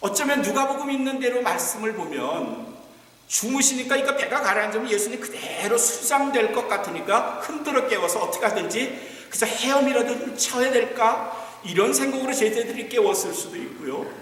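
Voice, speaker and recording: A high-voiced man preaches with dramatic swings, dropping to near whispers and then rising to emphatic calls. He sounds far from the mic in a church sanctuary. A long, heavy hall reverb trails every line. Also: expressive, a little fast. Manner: dramatic, swings from hushed whispers to raised exclamations. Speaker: pastor. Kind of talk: sermon. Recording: echoey church hall, voice from afar.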